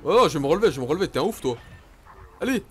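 A young man from France giving excitable, swearing commentary while playing a game, shouting in panic at times. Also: a little high, very fast, slight background noise. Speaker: gaming YouTuber. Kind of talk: let's play commentary.

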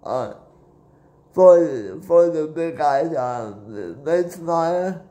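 A young man hosting his own sports channel, giving a solo postgame reaction recap from a small indoor room into a close phone camera. He talks in a halting, hesitant way, stalling and repeating words as he goes. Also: on the high side, expressive, warm tone. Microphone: phone camera close up from below.

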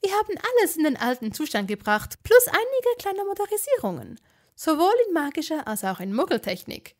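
A woman's voice: extremely high pitch, very animated, brisk, darkish tone, pitched above the performer's own voice. A woman voicing a flustered, talkative middle-aged witch from a ministry in a fan audio drama. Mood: eager. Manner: jumpy, eager, chatty.

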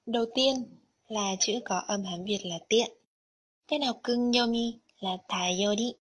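A woman with a medium-pitched, slightly breathy voice narrates a scripted Japanese lesson. As a teacher, she carefully explains vocabulary and kanji one item at a time.

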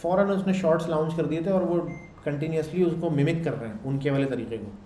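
Talking fast in a dark-toned voice on the high side, a programming instructor gives a casual lecture. He checks in with his class using "samjh rahe ho" and "theek hai," while a faint hum sounds in the echoey room.

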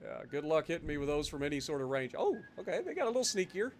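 Male game streamer, higher register, off-the-cuff chat and commentary, profane, exasperated griper. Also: big pitch swings, fast talker, slight background noise. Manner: sweary, exasperated griping. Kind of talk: casual live gaming commentary with chat.

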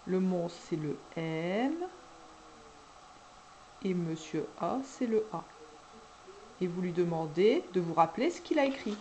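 A woman preschool teacher guiding parents through a syllable dictation, speaking slowly and deliberately and drawing out each syllable. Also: lowish voice, lively intonation, darkish tone, slight background noise. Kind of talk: instructional video for parents.

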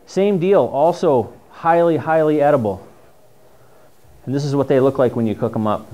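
A middle-aged man with a New England accent teaches a mushroom foraging class in a dim classroom with a projector screen, chatting casually and enthusiastically over slides. His mid-range voice is warm and moderately paced, picked up by a distant camera mic.

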